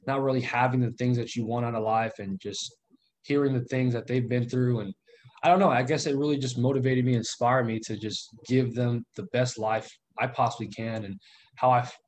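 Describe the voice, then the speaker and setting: Speaking a little fast in a steady, darkish mid-range voice, this twentysomething real estate investor from Southern California is a guest on a casual interview. He comes across as earnest, leaning on fillers, with slight noise behind him.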